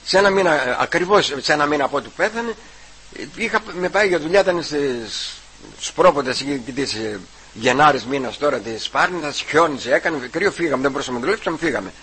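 A man giving a personal testimony at church. He retells the conversations and keeps repeating "I say" and "he says", with halting restarts. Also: a little high, expressive, bright, forceful tone, breathy edge, poor audio.

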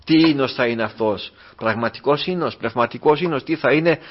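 A man preaching a sermon, earnest and repetitive, moving from soft, quiet asides to raised, urgent exhortation. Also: medium pitch, a little hiss or hum. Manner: repeats refrains, addresses listeners as brothers. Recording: dull lo-fi sound.

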